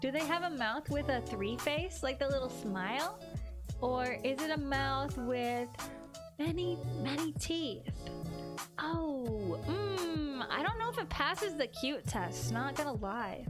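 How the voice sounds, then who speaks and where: Drawing live with music playing underneath, a young woman chats with viewers and reads their messages, bubbly and giggly, tossing in playful sound effects. Her high-pitched voice is animated but slow, and a bit hoarse from losing her voice.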